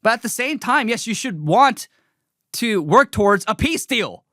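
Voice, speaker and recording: A young man comments on politics from his own livestream, his voice high and lively, leaping up and down in pitch. He argues emphatically, peppering his points with rhetorical questions. The sound is close and dry, with no room around it. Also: moderate pace, no room sound. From Korean heritage. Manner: animated and emphatic, asks rhetorical questions, mocks opposing views in quoted voices.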